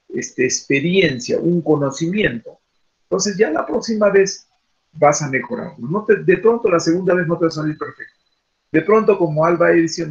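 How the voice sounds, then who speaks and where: A man leads an online class. He rambles along in a slightly high, gravelly voice, filling pauses with "este" and asking rhetorical questions. The video call audio sounds dull and lo-fi. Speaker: teacher leading an online class.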